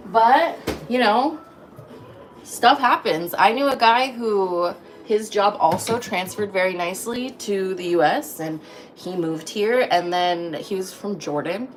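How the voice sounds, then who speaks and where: Chatting on a livestream from her home kitchen, this thirtysomething woman greets her viewers by name in an unhurried, medium-pitched voice. She's recorded on a phone, and there's a faint hiss or hum.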